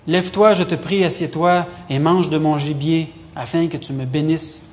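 A man's voice: fairly high pitch, fairly even intonation, moderate pace, natural voice. A man reading the part of an anxious, hesitant young son, in a worried, pleading manner. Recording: long hall reverb.

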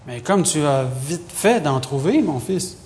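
A man reading the part of an aging, solemn patriarch and father, in a slow, grave manner. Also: on the high side, expressive, darkish tone. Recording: long hall reverb.

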